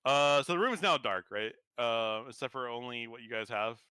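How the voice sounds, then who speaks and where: A man's voice: mid-range voice, lively intonation, moderate pace, bright, forceful tone, clean tone, no echo, studio quality. A man narrating as game master of a tabletop game, rambling with many fillers and restarts.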